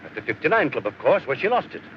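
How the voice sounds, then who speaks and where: A man's voice: mid-range voice, very animated, fast, lightly acted. An actor playing a scheming middle-aged father, cocksure and insistent, in 1940s screwball comedy film banter. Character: scheming, cocksure father pushing a numerology gambling system. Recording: muffled, noisy 1940s film soundtrack.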